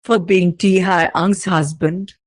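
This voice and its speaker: A woman voicing a tender, gravely ill young father. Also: on the low side, steady tone, slow pace, dry recording. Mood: tearful. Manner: soft, shaky, tearful delivery.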